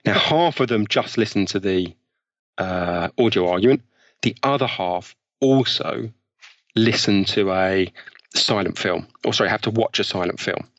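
In this interview, the guest is a British man who writes about behavioral science, and he talks through concepts casually, backing them with examples. His lowish, fairly bright voice keeps a measured pace, captured in a dry, somewhat dull, lo-fi recording.

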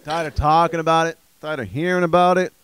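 A man's voice: fairly high pitch, steady tone, fast talker, fairly bright tone, smooth, poor audio. A man doing stand-up comedy, exasperated and ranting through strings of rhetorical questions.

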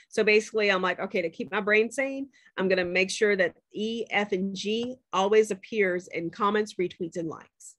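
With a fairly bright, mid-range voice on a dry recording, a woman professor walks her class through a spreadsheet over screen share. She's talkative and stops often to check in with students.

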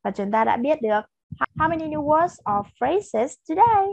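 Teaching children English in a slow, drill-heavy lesson, a woman with a Vietnamese accent patiently blends Vietnamese explanations with repeated English words. Her voice sits high, very animated, creaky, and somewhat dark at a moderate pace, with no room sound and cut-off highs.

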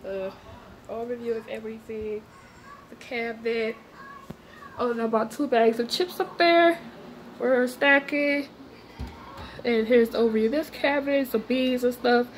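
A woman's voice: fairly high pitch, steady tone, measured pace, pauses often, slight background noise. A young woman vlogger casually walking through her grocery haul in her kitchen, chatting to viewers with fillers and "y'all", filmed on a handheld phone. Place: home kitchen, indoors.

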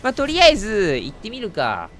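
A man's voice: high-pitched, huge pitch swings, a little fast, a bit bright, faint music behind. A man giving casual, chatty commentary while playing a game, exclaiming and muttering at what happens. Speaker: let's play streamer.

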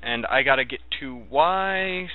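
Unhurried man on thin, phone-like audio. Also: medium pitch, animated. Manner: halting, thinking aloud. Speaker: gamer narrating a let's play. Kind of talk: casual game commentary. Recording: thin, narrow phone-like sound.

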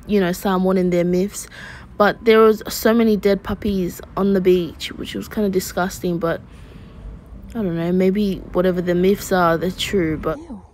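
A young adult woman chatting informally to a vlog audience in a drowsy, low-key way, on a handheld phone. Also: darkish tone. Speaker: vlogger. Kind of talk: casual vlog chat. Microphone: phone at arm's length. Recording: noisy handheld phone recording, ambient sounds.

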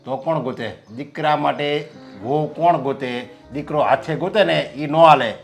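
A man's voice: on the high side, measured pace, gravelly, faint music behind. A stubborn lecturing father. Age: middle-aged. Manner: firm, lecturing, proverb-like reasoning. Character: stubborn traditional father arranging son's marriage.

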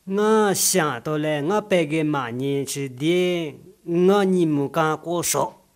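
Guy with a highish voice, slow film dialogue, lots of calling out.

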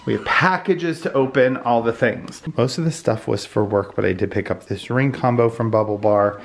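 There's slight background noise as a man with a mid-range voice talks at a moderate pace. He's an American vlogger in his thirties, chatty and casual at home, his voice congested and fading from a cold, recorded on a phone or camera held at arm's length.

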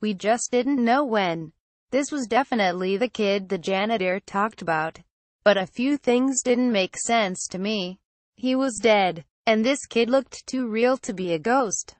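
A woman reading a horror story aloud in a steady, somber storytelling manner. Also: fairly high pitch, no room sound. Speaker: narrator.

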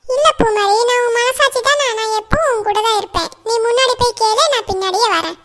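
A woman voicing a little girl's consoling conscience in a cartoon, speaking softly and gently. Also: extremely high pitch, brisk. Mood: soothing. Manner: soft, consoling. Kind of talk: cartoon voice acting.

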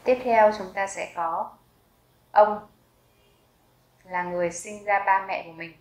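A woman teaches a vocabulary lesson in an even, middle-pitched voice. She speaks slowly and repeats each word deliberately. Her voice carries a noticeable room echo. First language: Vietnamese. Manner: slow, careful repetition of each word. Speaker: German language teacher. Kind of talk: vocabulary lesson with slow repetition.

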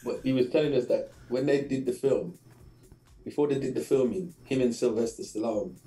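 A man's voice: medium pitch, brisk, faint music behind. Man, middle-aged, from England, radio guest, chatty anecdotes, echoey studio. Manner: lively anecdotes with frequent laughs and repeated phrases. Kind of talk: casual interview storytelling.

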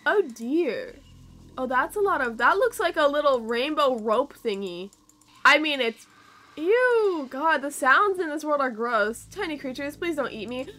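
A young woman streamer playing a game, chatty and playful, reacting out loud. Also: high voice. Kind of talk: let's-play commentary.

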